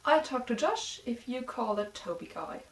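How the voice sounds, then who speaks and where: A woman's voice: a little high, expressive, moderate pace, close to an everyday voice. A woman voicing a blunt, playful teenage boy in a story she reads aloud. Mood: teasing. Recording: roomy sound, mic at a distance.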